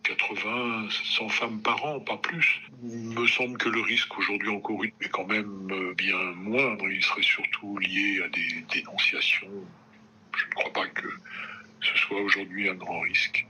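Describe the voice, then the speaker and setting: A man interviewed anonymously as a gynecologist, his voice altered by a voice changer, talking in a measured way with hesitant pauses. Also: fairly low pitch, level tone, very noisy. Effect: voice changer disguising identity.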